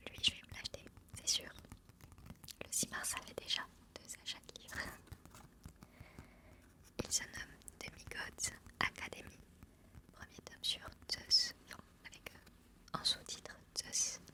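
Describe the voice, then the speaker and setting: A woman speaks entirely in a soft library whisper. Her delivery is hushed and unhurried, in the style of an ASMR host presenting books and reading out their blurbs. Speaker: ASMR book channel host.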